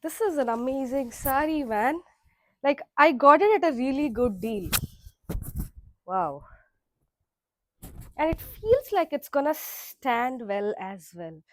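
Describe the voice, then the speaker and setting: A young woman with a Kannada-speaking Indian accent talks through an unboxing vlog, full of fillers and little exclamations. Her voice sits slightly high. The sound is dry and close, as if recorded at home. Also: slow pace, long pauses, no echo, low-quality recording. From South India. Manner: chatty and excited, with fillers and exclamations. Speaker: vlogger.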